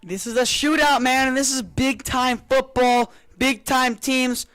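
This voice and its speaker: A man's voice: very high voice, steady tone, unhurried, a bit bright, clear, resonant tone, no room sound, clean studio sound. A man working as a color commentator on live football, enthusiastic and emphatic, repeating his phrases for punch.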